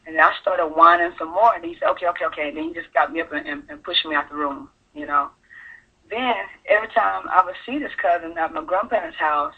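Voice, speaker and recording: Husky woman on a tinny phone line. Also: on the low side. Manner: halting, earnest, full of fillers. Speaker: caller sharing her story. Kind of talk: personal testimony on call-in radio. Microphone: telephone.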